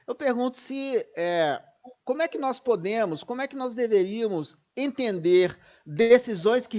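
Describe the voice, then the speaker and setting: A man hosting political commentary, excitable and digressive, often correcting himself mid-sentence over a video call. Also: sits high. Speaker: host.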